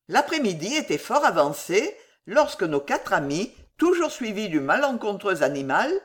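A narrator reading a classic novel aloud in an expressive, lively way. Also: medium pitch. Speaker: audiobook narrator. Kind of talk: audiobook narration.

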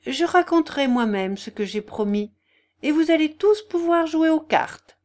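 A woman's voice: high-pitched, animated, measured pace, darkish tone, pitched above the performer's own voice. A woman voicing a proud, imperious young hostess who speaks in a raised, commanding voice.

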